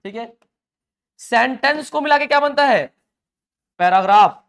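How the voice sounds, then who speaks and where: A man's voice: extremely high pitch, animated, unhurried, creaky, fairly bright tone, clean tone. A man teaches a live class and talks easily to his students. He throws out a question, answers it himself and repeats the word so that it sticks. He mixes in homely examples and mild jokes. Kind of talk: live online class lecture.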